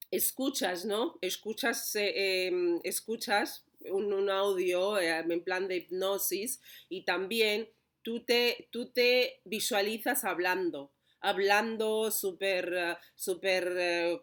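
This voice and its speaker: Spanish woman from spain rambling advice at the camera, mid pitched, lots of restarts and "ok?" tags. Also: a bit bright. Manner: chatty, many restarts, keeps asking "¿vale?". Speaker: channel host and coach. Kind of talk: casual advice monologue.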